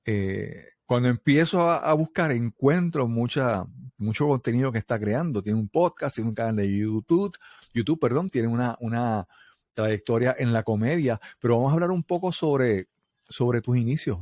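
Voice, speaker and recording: A man hosting an interview podcast, friendly and halting, often chuckling. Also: medium pitch, expressive, darkish tone, no room sound. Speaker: podcast host. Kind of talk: casual interview chat.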